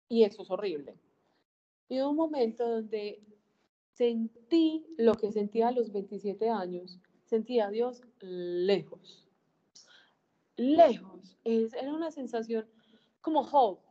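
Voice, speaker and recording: A woman's voice: on the high side, warm tone, dull audio. A woman, earnestly sharing a faith testimony to a group. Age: 40s. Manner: earnest, emphatic, acts out dialogue. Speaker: speaker giving a faith testimony.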